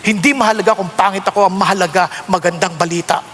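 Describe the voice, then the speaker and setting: A middle-aged man with a Filipino accent preaching an animated sermon in Tagalog mixed with English, his voice leaping up for emphasis. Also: high-pitched, fast, slight background noise. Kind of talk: Taglish sermon.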